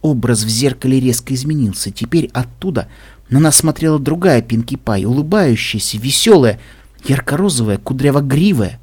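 A man's voice: medium pitch, normal speed, breathy edge. A man reading a first-person story aloud expressively, voicing each character himself. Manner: expressive, voices every character. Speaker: audiobook reader.

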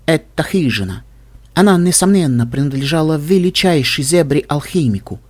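A man voicing a wounded female zebra alchemist who speaks slowly and soothingly. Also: on the high side, animated, a little mellow. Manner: slow, soothing.

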